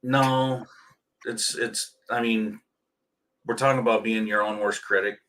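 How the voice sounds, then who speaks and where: A man co-hosts a live podcast in an upbeat, joking way. His voice sits low but has a bright, forceful edge as he greets listeners one after another. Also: fairly even intonation, a little slow. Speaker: podcast co-host.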